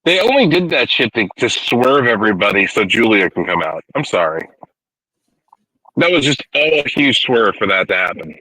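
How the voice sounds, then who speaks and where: Bright-voiced blunt man, dry close sound. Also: lowish voice, very animated, no echo, low-quality recording. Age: 40s. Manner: hesitant, blunt, halting starts. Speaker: podcast co-host. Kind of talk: casual wrestling review chat.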